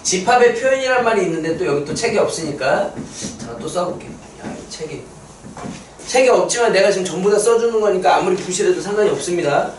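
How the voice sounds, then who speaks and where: This math lecturer's voice sits high, with lively intonation and a brisk pace as he works through steps on the whiteboard and quizzes the class. The room echoes, the mic is set far away, and there's a little hiss or hum.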